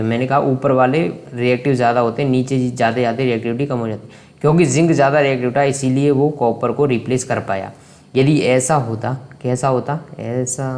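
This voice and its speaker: Guy teaching class 10 science online, jokey and theatrical, normal pitch. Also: a little mellow. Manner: chatty and theatrical, sings and hums while working. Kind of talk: playful online lesson.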